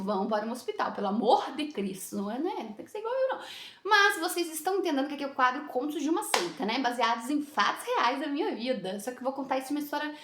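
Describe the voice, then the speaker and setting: A young woman telling a personal story to camera in a lively way, laughing often and acting out what people said. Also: high voice, slight background noise. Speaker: vlogger. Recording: echoey room.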